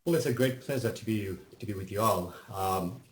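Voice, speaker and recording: A middle-aged man from Bangladesh with a Bangladeshi accent, giving a measured, reflective personal testimony at a public event, pausing often with fillers. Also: lowish voice, echoey room, low-quality recording.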